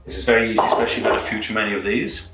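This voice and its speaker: A man's voice: on the low side, level tone, very fast, reverberant, music in the background, rough recording. A British man with a camp, cheeky manner, casually presenting a cooking demonstration as a home cook. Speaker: home cook presenting own recipe show. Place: indoor kitchen.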